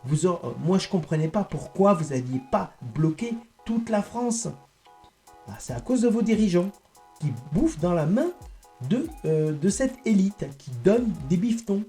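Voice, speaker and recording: Mellow-voiced man ranting at viewers. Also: high voice, animated, soft background music. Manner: rambling, indignant, halting. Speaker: online political commentator. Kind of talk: monologue addressed to viewers.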